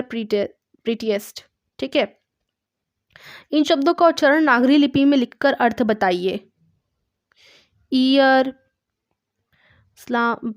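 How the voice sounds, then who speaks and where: Slightly high and darkish in tone, this young woman's Indian-accented voice comes through a dry, studio-quality recording. She patiently works through test questions in an online English class, checking in with "ठीक है" after every point.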